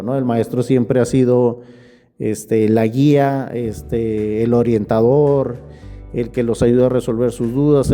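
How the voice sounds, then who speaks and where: Man in his forties, very dark voice, halting speech, long reverb with faint music. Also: medium pitch. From Mexico. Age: 40s. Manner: halting, with frequent filler words. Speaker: primary school teacher. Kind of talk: interview testimony.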